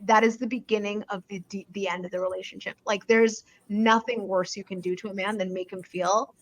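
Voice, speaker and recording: A woman's voice: mid-range voice, fairly even intonation, a little fast, low-quality recording. A woman with a Toronto accent giving emphatic opinions and advice in a casual panel discussion, repeating her key points. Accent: Toronto Canadian.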